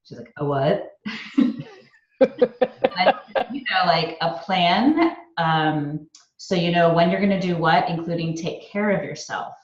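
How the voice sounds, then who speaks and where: A woman's voice: fairly low pitch, takes it slowly, echoey room, lo-fi sound. A woman podcast host chatting with a guest, enthusiastic and casual, with lots of "like" fillers. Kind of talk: casual interview chat.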